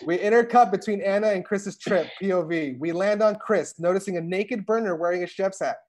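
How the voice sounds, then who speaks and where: Over a video call from indoors at home, a man narrates a script for a table read, voicing the stage directions. He speaks fairly quickly in a high, slightly mellow voice through his video call microphone.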